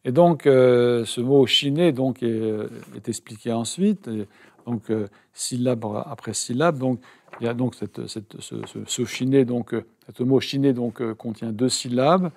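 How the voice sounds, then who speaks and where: A man's voice: mid-range voice, a little slow, darkish tone. A man interpreting a meditation teaching live, hesitant, with many fillers and self-corrections.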